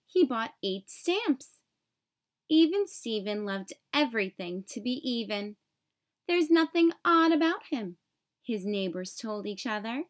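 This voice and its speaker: A woman with a fairly high voice reads a children's picture book aloud. She tells the story expressively and phrases everything clearly for young listeners.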